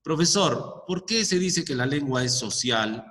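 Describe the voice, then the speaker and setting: A man's voice: on the high side, expressive, unhurried, fairly bright tone. A man voicing a curious schoolchild who asks the teacher puzzled questions, in a long echoing reverb.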